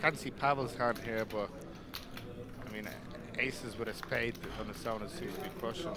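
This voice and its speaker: A man with an Irish Meath accent tinged with Lithuanian gives casual poker commentary at a middle pitch. He talks colloquially, ending phrases with little tags, while a loud crowd chatters behind him. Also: steady tone, normal speed. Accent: Irish, County Meath with a Lithuanian touch. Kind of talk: casual unscripted live commentary.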